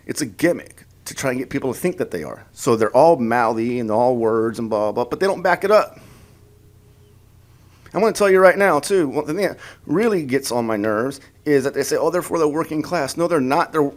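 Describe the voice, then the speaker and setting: A man ranting in a political opinion vlog, heated and sarcastic, stumbling over and repeating his words as he mocks the people he disagrees with. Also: mid-range voice. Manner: heated and sarcastic, mocking voices of opponents; repeats words and restarts often. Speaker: political vlogger.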